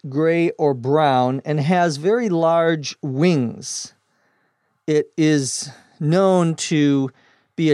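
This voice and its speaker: A man's voice: a little high, a little mellow, no echo, studio quality. A man teaching English vocabulary, explaining words plainly and spelling them out letter by letter. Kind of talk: slow scripted vocabulary lesson.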